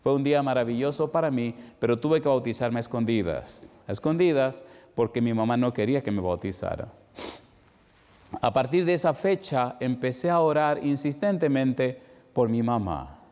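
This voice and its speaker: A middle-aged man with a Dominican accent preaching a sermon, telling a personal story with emotion, slowing for emphasis and then speeding up. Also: mid-range voice, expressive, a little mellow. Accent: Dominican Spanish. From Dominican Republic. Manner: emotional storytelling, shifting between slow emphatic and quick passages. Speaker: evangelist preacher. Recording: long hall reverb.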